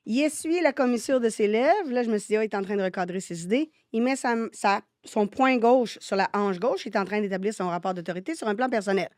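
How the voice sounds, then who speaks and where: A woman with a Québécois accent tells animated stories and acts out the dialogue in casual podcast talk. Her voice sits a touch high. The sound is dry and close-miked. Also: brisk, few pauses, dry recording. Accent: Québécois French. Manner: lively, animated anecdote telling with quoted dialogue. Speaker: guest, synergologist.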